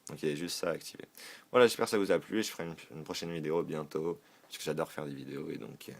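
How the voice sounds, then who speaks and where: A man's voice: very deep voice, racing, a little hiss or hum. A man casually walking through a phone tutorial, informal and hesitant, with many fillers and self-corrections. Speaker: tech tutorial host. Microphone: filmed on a phone.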